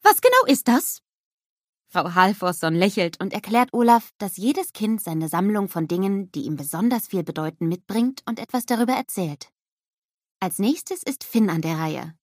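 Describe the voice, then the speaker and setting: A woman narrating a scripted children's story in a lively storybook manner. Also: medium pitch, normal speed, dry recording, studio quality.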